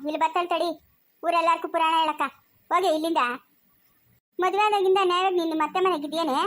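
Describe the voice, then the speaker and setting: A woman playing a quarrelsome village woman in a family skit, speaking rural Chikkaballapur Kannada and scolding with taunts. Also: very high-pitched.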